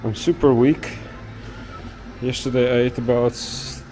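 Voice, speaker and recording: A man narrates his bike trip at an easy, drawn-out pace, full of fillers and restarts. Faint music sits underneath. He talks casually, as if to a handheld camera outdoors. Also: mid-range voice. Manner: relaxed, rambling, with fillers and restarts. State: out of breath. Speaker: cycle touring vlogger. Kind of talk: casual travel vlog narration. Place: outdoors in woods at night.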